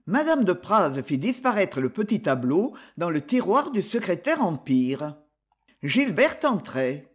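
An audiobook reader narrating a classic novel in a measured, expressive manner. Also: mid-range voice, husky.

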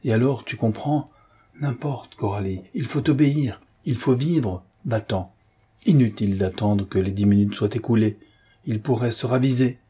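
A man's voice: medium pitch, normal speed, mellow, husky. Patrice, a pleading young officer, read by a man. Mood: urgent pleading. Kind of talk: audiobook dialogue reading.

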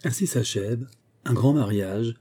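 A man reading an adventure story aloud in a measured, even storytelling manner. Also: medium pitch, breathy edge. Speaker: audiobook reader. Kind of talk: scripted narration.

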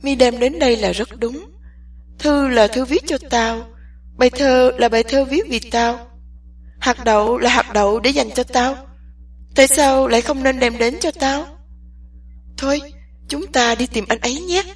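A determined young woman insists on her way, firm and deliberate, her voice raised and slightly husky, as a female narrator puts her on. The recording sits at a distance from the mic, so she sounds a little far away. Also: sits high. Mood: resolute. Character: young woman, impatient, intensely resolute.

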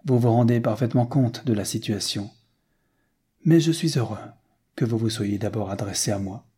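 A wry young French count, hesitant yet blunt, as an audiobook reader puts him on. The voice is mellow and a touch husky. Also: male voice, medium pitch, normal speed. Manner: hesitant then bluntly frank.

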